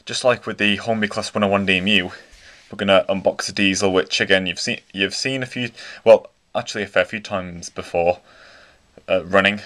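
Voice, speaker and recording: Speaking in a low but pushed, bright voice, a British man unboxes a model locomotive indoors at home, carpet underfoot. He sounds a little croaky, talking casually and keenly in a rambling way full of restarts.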